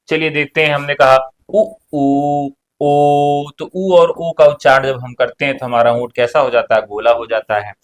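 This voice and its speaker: A man teaching an exam-prep class, walking through questions one at a time. He asks a question aloud, then answers it himself in a relaxed, talkative way, sometimes with a casual joke. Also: mid-range voice. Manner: casual joking asides. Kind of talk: online exam-prep lecture.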